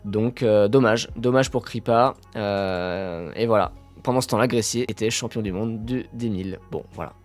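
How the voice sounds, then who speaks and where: A man hosting a casual live stream about athletics, talking with his chat, full of fillers and sudden excited bursts. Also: on the low side, moderate pace, few pauses, soft background music.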